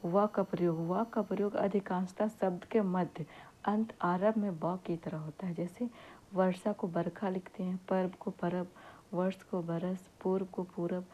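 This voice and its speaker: A woman teaching an exam-prep grammar lesson, saying each example word slowly and then repeating it. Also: lowish voice, fairly even intonation, dull audio.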